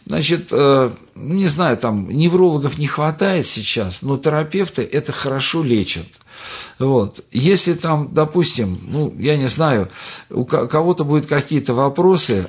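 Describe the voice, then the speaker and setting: A retired older man answers interview questions as a doctor. His voice is husky, with a middling pitch, and he rambles, stops to restart phrases and fills gaps with hesitations.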